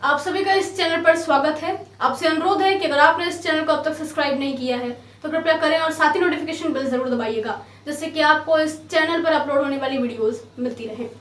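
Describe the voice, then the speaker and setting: A woman hosting a channel gives a formal welcome and asks an expert guest measured questions. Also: high-pitched, a bit bright, reverberant, recorded from a distance, a little hiss or hum. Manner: measured, courteous, poses rhetorical questions. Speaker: host.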